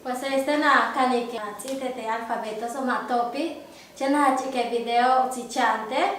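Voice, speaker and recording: A young woman from Yucatán, Mexico, reads out letter lists slowly and carefully in a high voice. She sounds distant, caught in a very echoey room. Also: fairly bright tone, a little hiss or hum. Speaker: language teacher. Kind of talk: teaching lesson. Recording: echoey room, far from mic.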